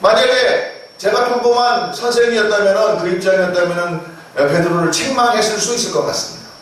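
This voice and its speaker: A man's voice: high-pitched, fairly quick, fairly bright tone, slight background noise. A man, a pastor, preaching a Sunday sermon with rising emphasis and repeated blessings. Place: church sanctuary. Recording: echoey church hall, mic at a distance.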